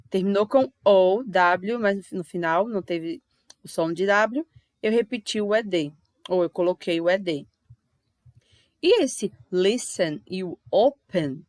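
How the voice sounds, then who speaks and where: Brazilian woman teaching, patient and clear. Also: medium pitch, dry recording, studio quality. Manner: patient, repeats each example slowly and clearly. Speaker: English teacher. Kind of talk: online grammar lesson.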